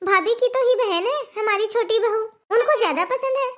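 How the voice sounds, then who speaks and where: A woman voicing a spoiled, indignant young married woman in a cartoon, complaining with sharp retorts and scoffing laughs. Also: very high-pitched, moderate pace. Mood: eager. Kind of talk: cartoon voice acting.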